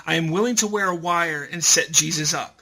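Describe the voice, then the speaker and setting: A man's voice: on the high side, brisk, a crowd in the background, poor audio. A man hosting a casual comedy podcast, reading out a news story and laughing along. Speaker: podcast host.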